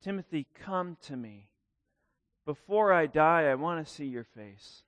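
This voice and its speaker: This is a lonely old apostle, as a preacher voices him, tender and pleading. The voice sits a touch higher than most men's but drops to a hush. It is heard up close in a dry setting. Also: male voice, animated, a little slow, dry recording, highs cut off.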